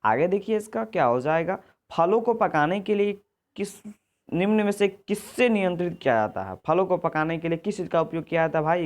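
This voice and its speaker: A teacher going through exam answers, repeating points and often correcting themself. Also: medium pitch. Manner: repetitive, often self-correcting with "sorry"; checks in with "ठीक है" and "आगे देखिए". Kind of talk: exam answer walkthrough lesson.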